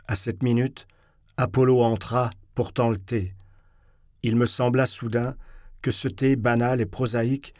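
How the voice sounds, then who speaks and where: A man narrating a literary novel in the first person, with a measured, expressive reading. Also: mid-range voice, no echo, clean studio sound. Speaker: audiobook reader.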